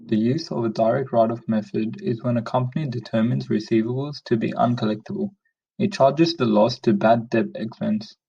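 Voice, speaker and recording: Low gravelly man, lo-fi screen-recording voice-over. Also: moderate pace. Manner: steady, plain script reading. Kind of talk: read-aloud screencast narration. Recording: dull lo-fi sound, distant from the mic.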